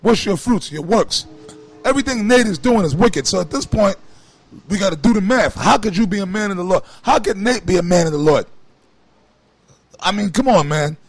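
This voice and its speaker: A man with a somewhat high voice preaching in a heated, confrontational way, with plenty of slang and "man" tossed in between points. The sound is dry and close, with no room around it. He hammers each point home like a street preacher. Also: lively intonation, moderate pace, slightly rough, no room sound. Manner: confrontational, preachy and slangy, with repeated 'man' asides. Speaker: co-host. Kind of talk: heated religious commentary.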